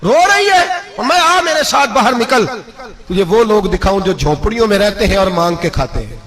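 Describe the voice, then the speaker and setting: A man preaching in a sermon voices a devout male caliph who sharply rebukes his household, his voice climbing into high outbursts. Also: lively intonation, fairly bright tone. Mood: stern rebuke. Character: stern devout male caliph, grieved and righteous.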